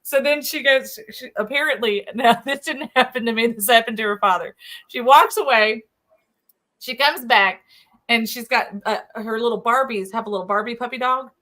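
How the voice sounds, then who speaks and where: Middle-aged woman co-host, chatty storyteller, fairly high and bright voice, animated delivery. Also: normal speed. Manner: chatty, laughs often, animated retelling. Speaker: show co-host. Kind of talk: casual storytelling chat.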